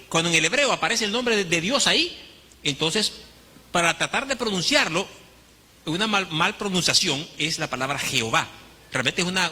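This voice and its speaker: Honduran male pastor, lively husky sermon delivery, slightly high, heard in a big reverberant hall. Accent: Honduran Spanish. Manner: teaching, addresses congregation as brothers, dramatic quoted voices.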